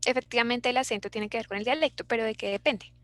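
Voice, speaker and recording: A woman's voice: a little high, fast, dry recording. A young Colombian woman with a Bogotá accent, teaching an online class in a chatty way and reading out her students' answers. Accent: Bogotá Colombian Spanish.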